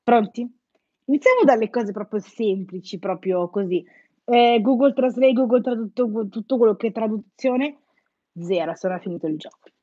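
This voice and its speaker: A woman's voice: a little high, normal speed, mellow, no echo. A woman teaching English as a playful, teasing host of a live quiz, chatting with her viewers. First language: Italian. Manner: playful, teasing, jokes with students. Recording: dull, lo-fi live-stream audio.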